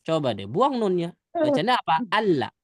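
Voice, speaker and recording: A man teaching Quran recitation rules, modelling verses slowly and correcting his students. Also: high voice, huge pitch swings, no room sound, studio quality. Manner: corrective, demonstrates recitation slowly then explains quickly. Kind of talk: recitation lesson.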